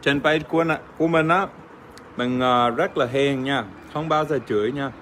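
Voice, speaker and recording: Joking Australian man with halting vietnamese. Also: mid-range voice, fairly bright tone, a little hiss or hum. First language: English. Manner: crude, joking, swears playfully, halting with fillers. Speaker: livestream host. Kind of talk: casual livestream chat reading fan comments.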